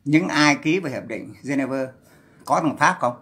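A man delivers a heated, profane livestream rant. His scolding voice is gravelly with vocal fry and sits at an ordinary middle pitch. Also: animated, moderate pace, a bit bright.

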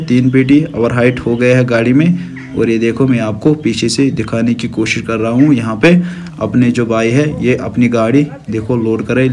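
एक जवान कश्मीरी लहजे वाला आदमी, जो फ़ोन हाथ में लेकर दर्शकों को अपना ट्रक दिखाता और समझाता है।. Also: male voice, mid-range voice, darkish tone. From Kashmir. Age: young adult. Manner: friendly, shows things off to viewers. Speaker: trucker vlogger. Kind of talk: casual vlog walkthrough. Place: outdoors beside parked trucks and in the cab. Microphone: phone camera at arm's length.

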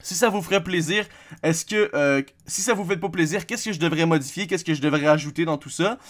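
A man's voice: fairly high pitch, brisk, fairly bright tone. A man with a Québécois accent giving a casual, rambling channel update to his viewers, with lots of fillers and restarts. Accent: Québécois French. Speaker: gaming YouTuber.

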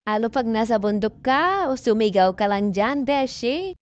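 A vlogger hiking on a mountain peak films herself on a handheld phone and chats playfully with her viewers, treating them as friends. Her voice is on the high side with lively intonation and normal speed, bubbly in tone. The recording has no room sound and the highs are cut off.

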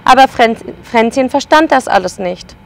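A woman preschool educator reading a picture book aloud to children and pausing to explain the pictures. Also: on the high side, lively intonation, creaky.

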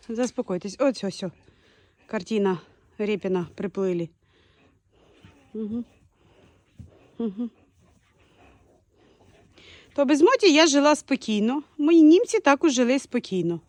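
A woman from Ukraine talks to the camera in a bright, slightly high voice, calling her dogs by name and laughing at their antics. The sound is dry and close, with dogs in the background. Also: animated, unhurried, pauses often, no echo. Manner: chatty, shouting dog names, laughing. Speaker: dog breeder. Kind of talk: casual vlog commentary. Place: outdoors in a village yard with dogs.

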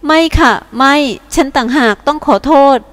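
A gentle alien soul in a woman's body, read by a female narrator, pleads softly through tears. Her voice sits a touch high, in a tender audiobook reading. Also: moderate pace, in a large hall. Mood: tearful pleading. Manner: soft, sobbing pleas.

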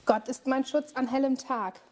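A woman leading a children's church service, reading a story slowly, clearly and expressively. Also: high-pitched, steady tone, darkish tone.

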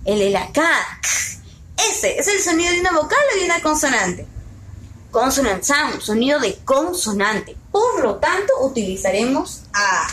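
A high, very lively woman teaching young children, patient and unhurried, asking questions and repeating each word. She sounds like she is in a roomy, echoey space with faint background noise. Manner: slow, patient, asks questions and repeats words. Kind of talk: bilingual lesson for young children.

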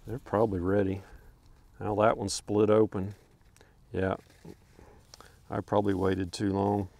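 An older homesteader shows off his garden outdoors, filming the walkthrough on a handheld camera and talking from behind it. His voice is lowish and dark with vocal fry, his tone level and his pace measured. He rambles easily, full of fillers and chuckles.

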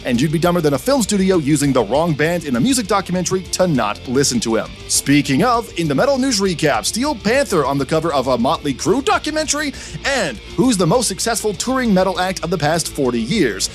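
A man hosting a metal music podcast, talking in an energetic, jokey and profane way as he reviews albums. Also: brisk. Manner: animated, jokey, profane, swings pitch up for emphasis. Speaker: podcast host.

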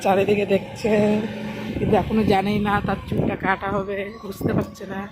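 A woman's voice: medium pitch, completely flat delivery, fairly quick. A woman casually narrating a family vlog to her viewers, chatty and pointing things out as she films. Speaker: family vlogger. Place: outdoors and in a small local salon. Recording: noisy street and outdoor sound.

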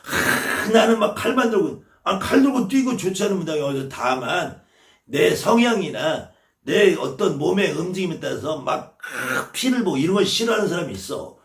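A man's voice: fairly high pitch, lively intonation, normal speed, echoey room, far from the mic. A man from the Chungcheong region, a shaman teaching his viewers, blunt and scolding and swearing freely as he lectures. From Chungcheong, South Korea.

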